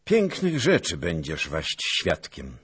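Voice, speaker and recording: A man voicing a calm, composed young knight who speaks in a measured way. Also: low-pitched, husky, full character voice.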